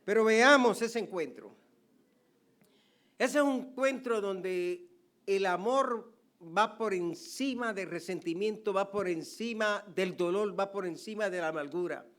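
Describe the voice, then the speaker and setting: An older male pastor preaching a sermon, swinging from soft conversational asides to loud, emphatic passages. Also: sits high, a little slow.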